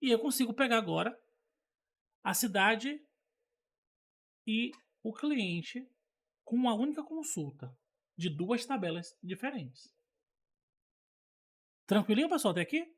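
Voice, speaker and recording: Speaking a little slowly and pausing often, this Brazilian teacher's mid-range voice swings widely in pitch. The informal programming lesson is chatty, packed with examples and acted-out dialogues, and regularly checks that learners follow.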